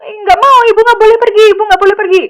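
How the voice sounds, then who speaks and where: A woman's voice: very high-pitched, steady tone, very fast, pitched above the performer's own voice. A woman voicing a small child throwing a crying tantrum, whining and demanding. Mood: wailing tantrum.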